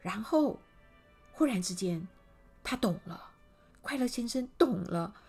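A woman reading a children's storybook aloud, animated and speaking directly to the little listeners. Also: mid-range voice, a little slow, husky, soft background music.

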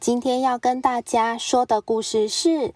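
A woman reads a children's picture book aloud in a gentle, unhurried way. Her voice sits a little high and sounds close and dry. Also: steady tone, dry recording. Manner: gentle, slow and clear. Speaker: storyteller.

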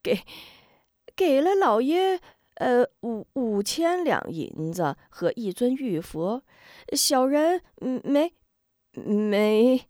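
Lady doing a squeaky groveling coward guy, stammers nonstop, voice jumps all over, dry sound. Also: sing-song, measured pace, no room sound, heavily acted. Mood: pleading, panicky. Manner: stammering, full of "uh" fillers.

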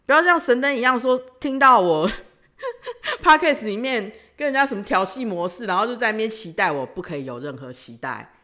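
A woman's voice: fairly high pitch, big pitch swings, a little fast, bright, forceful tone. A young woman, hosting a podcast and telling a personal story in a playful, teasing way with frequent giggles. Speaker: podcast host.

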